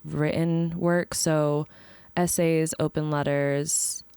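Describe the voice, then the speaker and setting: A woman guest talking in a relaxed, reflective way with many fillers, in a casual conversation. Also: deep voice, slow pace, clean tone, no echo. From born in the United States, raised partly in Ethiopia. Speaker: guest, film series organizer.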